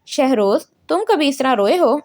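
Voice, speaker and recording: A woman's voice: sits high, expressive, a little mellow. A woman voicing a tearful, lonely young woman in a storybook reading, weepy and plaintive.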